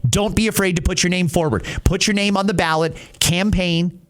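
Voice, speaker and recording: Speaking fairly quickly in a high-pitched, steady, somewhat bright voice, a middle-aged man hosts an opinionated talk show. The podcast host comes across as emphatic and conversational.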